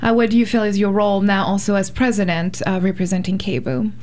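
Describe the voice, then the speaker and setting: A woman's voice: mid-range voice, fast talker, a little mellow. A woman managing a radio station interviews a guest in a friendly way, laughing easily and asking long, rambling questions.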